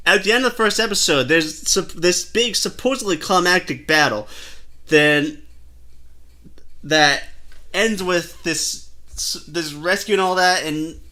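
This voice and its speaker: A man co-hosting a casual podcast chat, talking in an animated, exasperated way and swearing freely. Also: sits high, measured pace. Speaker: podcast co-host.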